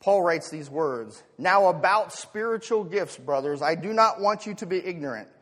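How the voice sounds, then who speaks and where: An American pastor preaches a sermon in a fairly high-pitched, fairly bright voice, and a large hall adds long reverb. He puts rhetorical questions to the congregation, his lively intonation moving between chatty asides and emphatic swells at a normal speed.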